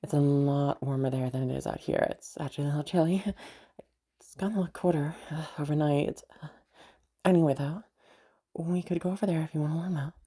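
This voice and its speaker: In an audio roleplay, a woman plays a caring, slightly witchy party host, speaking straight to the listener in a low, mellow, soft and husky voice. She mixes teasing playfulness with rambling, soothing reassurance, keeping a soft, reassuring mood at a slightly fast pace.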